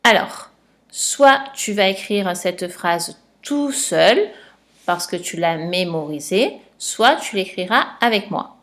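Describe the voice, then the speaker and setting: Slow, patient woman teaching spelling. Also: mid-range voice, lively intonation, fairly bright tone, dry recording. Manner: patient, spells letters one by one and repeats. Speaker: primary school teacher. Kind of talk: slow spelling lesson and dictation for a young child.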